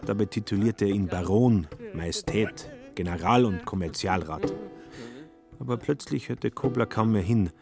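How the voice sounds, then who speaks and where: Low-voiced male radio-play narrator. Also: normal speed, gravelly, over music.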